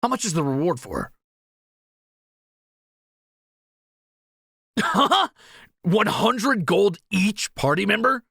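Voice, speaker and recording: Sounding excited and eager, a male actor voices a cocky young fantasy thief who jokes, exclaims easily, and flips animatedly from boasting to nerves. The high-pitched, bright, raised voice carries a bit of creak at the edges. It's heavily acted audio roleplay, recorded close and dry.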